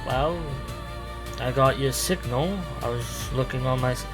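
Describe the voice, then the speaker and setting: A man playing the Doctor, an ancient, restless and lonely alien time traveller, talking in halting, rambling bursts full of restarts over background music. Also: mid-range voice, close to an everyday voice. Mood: casual. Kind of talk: improvised fan audio drama.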